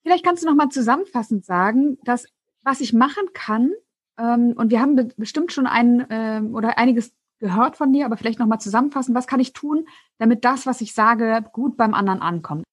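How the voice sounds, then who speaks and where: Husky woman host, slightly high voice, relaxed conversational questions, dry recording. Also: brisk, dry recording. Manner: conversational, asks follow-up questions. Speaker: interviewer. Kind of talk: podcast interview.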